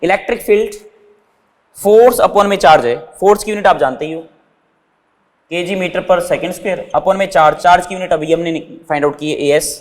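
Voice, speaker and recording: In a large hall, a man with a high voice speaks at a normal pace. He is a physics teacher working through units step by step at the whiteboard, posing questions to his students and answering them himself. He calls his students "beta."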